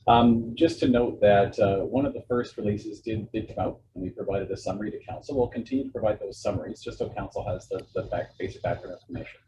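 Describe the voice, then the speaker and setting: A man on municipal staff giving a formal report to council over a muffled remote line that sounds like it's in a tunnel, talking in a measured way with frequent fillers and restarts. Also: lowish voice. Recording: muffled lo-fi remote call with background noise.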